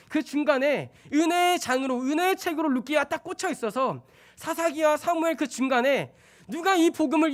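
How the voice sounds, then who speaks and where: A young man preaching a sermon at a Friday night church service as a junior pastor. He speaks in a lively way, acts out dialogue in other voices and drops in joking asides. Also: extremely high pitch. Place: church sanctuary.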